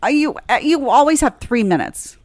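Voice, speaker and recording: A woman's voice: high-pitched, animated, moderate pace, no room sound, clean studio sound. A woman hosting a podcast, asking playful, probing questions in casual chat. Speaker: podcast host.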